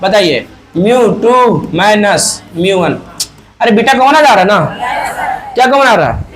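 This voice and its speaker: A man with a Hindi accent teaching physics to a class, firing questions and loudly prompting his students to answer in chorus. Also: sits high, animated, a little slow. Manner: quizzing students, prompting answers, loud emphatic calls. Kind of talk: classroom lecture with call-and-response. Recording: noisy classroom with crowd.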